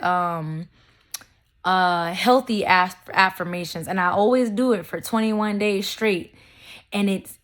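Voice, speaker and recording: A woman with speech, talking bluntly and profanely in a casual monologue, stressing points by stretching words out. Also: mid-range voice. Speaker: vlogger. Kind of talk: casual unscripted monologue to camera.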